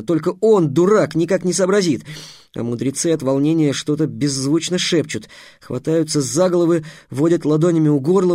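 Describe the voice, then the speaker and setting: A man narrating an audiobook in an expressive storytelling manner. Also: on the high side, no echo, studio quality. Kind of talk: scripted narration.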